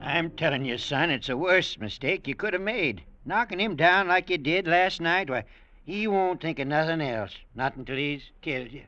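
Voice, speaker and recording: A fatherly old frontier friend, folksy in his speech and worried. The voice sits at an ordinary pitch. It was recorded dry, with the dull sound of an old radio broadcast. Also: expressive, moderate pace, sharp tone, dry recording. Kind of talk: old-time radio drama acting.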